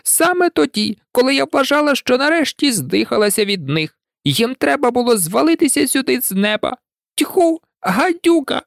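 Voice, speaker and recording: A reader voicing a frantic, shrill female pigeon who scolds and shrieks in a storybook recording. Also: expressive, moderate pace, creaky, no echo, studio quality. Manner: scolding, indignant, breaking into cries. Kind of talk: audiobook reading.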